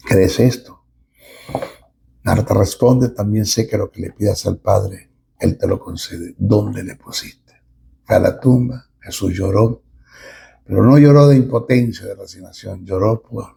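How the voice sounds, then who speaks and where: A middle-aged man preaching a sermon as a pastor, emphatic and with dramatic pauses. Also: on the low side, creaky, warm tone, slightly rough.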